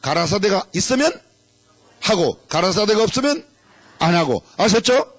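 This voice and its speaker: A man's voice: high voice, very animated, normal speed, no room sound. A middle-aged male pastor preaching in a church, playfully leading the congregation through a game. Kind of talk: sermon. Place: church sanctuary.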